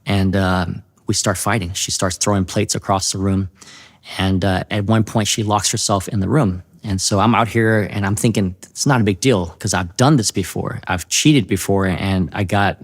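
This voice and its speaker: A man sharing his personal testimony in an earnest, halting way, often restarting his sentences. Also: low voice, steady tone. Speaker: testimony speaker.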